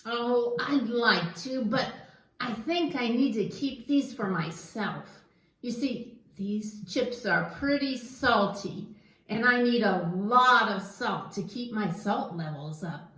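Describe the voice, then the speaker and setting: A woman's voice: fairly high pitch, slow, a bit bright. A woman voicing a naive, snack-loving male puppet in a church skit, earnest and literal-minded. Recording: echoey room.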